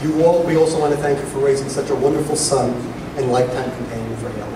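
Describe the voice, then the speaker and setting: A middle-aged man giving a father of the bride speech at a wedding reception, speaking deliberately with pauses and dry humor. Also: mid-range voice, fairly even intonation. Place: large room at a wedding reception. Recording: echoey reception hall, distant mic, noisy crowd. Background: guests and crowd noise.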